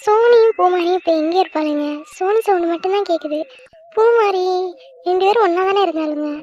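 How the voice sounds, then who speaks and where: A woman voicing a frightened girl alone in a dark house, calling for her friends and talking to herself. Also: extremely high pitch, a little fast, highs cut off, soft background music. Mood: anxious. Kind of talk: cartoon voice acting.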